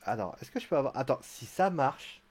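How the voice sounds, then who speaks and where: Streamer français, récit animé et blagueur. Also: male voice, mid-range voice, sing-song, a little fast. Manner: chatty, joking, theatrical asides. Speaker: wrestling show reviewer. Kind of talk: casual live-stream recap.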